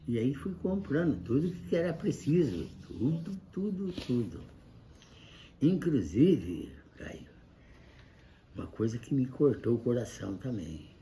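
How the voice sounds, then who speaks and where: A very old man in his eighties with a Brazilian accent, chatting casually in halting, repetitive, plain words as he recalls his life. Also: mid-range voice, sing-song, mellow. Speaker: grandfather sharing life lessons. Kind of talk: casual reminiscing chat. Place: indoor kitchen-like room, seated at a table. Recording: clearly noisy room ambience.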